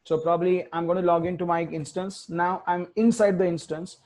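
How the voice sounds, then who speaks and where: Muttering while he types commands, this male tech instructor talks through a live coding tutorial and keeps correcting himself. He speaks briskly in a high-sitting, slightly mellow voice with fairly even intonation.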